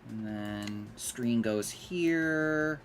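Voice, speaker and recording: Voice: medium pitch, very slow, slight background noise. A gamer giving casual commentary over gameplay and muttering while playing.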